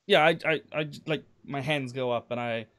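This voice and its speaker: A man speaking as a player in a tabletop game, quick and hesitant with many restarts. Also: medium pitch, fairly bright tone. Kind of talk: casual tabletop game talk.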